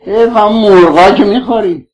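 High-voiced fervent male preacher. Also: a little mellow, rough recording. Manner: fervent, rhetorical questions, rising and falling. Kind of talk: religious sermon.

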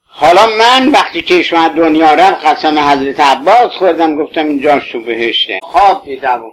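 An older man with a somewhat high voice tells an emotional religious story. He speaks fervently and pleadingly, slipping into everyday colloquial phrasing. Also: lively intonation, rough recording. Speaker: bereaved husband recounting his late wife.

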